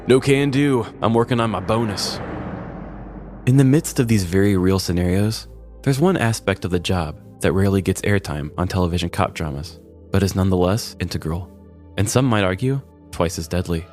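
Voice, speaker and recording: Narrating a scripted comic tale as a podcast host, a man speaks a little fast in a low-pitched, darkish voice. His delivery is dry and mock-serious, with background music running underneath.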